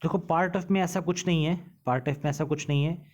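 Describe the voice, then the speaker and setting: A male teacher explaining English grammar rules in Hindi, reading the English rules out slowly and asking his students questions as he explains. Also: a little high, steady tone, a little mellow, dull audio.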